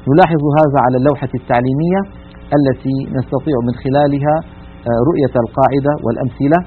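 A man teaching the rules of Quran recitation in a broadcast lesson, patient and methodical, slowly drawing out each example word. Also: medium pitch, steady tone, slight background noise. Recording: tinny, narrow-band radio broadcast.

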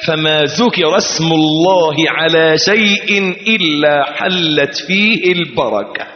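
A man's voice: fairly high pitch, slow pace, slight background noise. A man preaching a sermon with an Egyptian accent, impassioned and chanting verses. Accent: Egyptian Arabic. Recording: echoey hall, dull lo-fi sound.

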